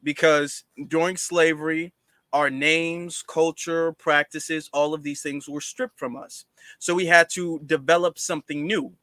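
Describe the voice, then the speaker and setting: A man's voice: on the high side, fairly even intonation, a little slow, sharp tone, no echo. A man hosting a casual livestream, explaining at length to viewers with many fillers and restarts. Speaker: livestream host.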